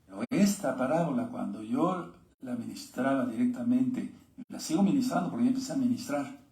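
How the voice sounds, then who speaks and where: A man's voice: mid-range voice, expressive, brisk, warm tone, echoey room. A man, teaching a sermon-style Bible lesson and reading scripture aloud with asides to his viewers.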